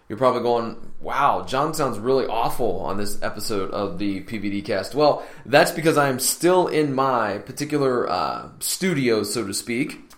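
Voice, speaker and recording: A man's voice: medium pitch, fairly bright tone. A man hosting his podcast in a casual, upbeat, chatty way, speaking straight to his listeners from a near-empty room that gives his voice a hall-like echo. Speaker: podcast host. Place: near-empty home room being remodeled. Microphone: laptop recording setup. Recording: echoey bare room.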